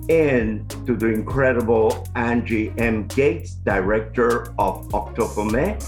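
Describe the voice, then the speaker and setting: A middle-aged Honduran man, an arts commissioner, hosts an interview over a video call webcam from a home room filled with art and books. His medium-pitched delivery is effusive and deliberate, sounding almost scripted.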